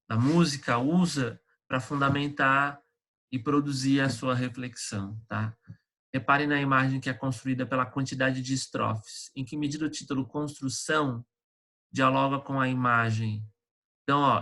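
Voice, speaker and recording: A man's voice: mid-range voice, a bit bright. A man teaching an online lesson, going over exercises in a conversational way, often checking in with his students and hesitating with fillers. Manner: hesitant, with frequent fillers and restarts.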